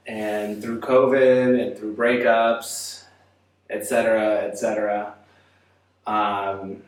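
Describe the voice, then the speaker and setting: A man hosts a casual podcast at an unhurried pace, in an excited, halting way with frequent fillers and restarts. His voice rings in a noticeably echoey room. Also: lowish voice. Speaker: podcast host.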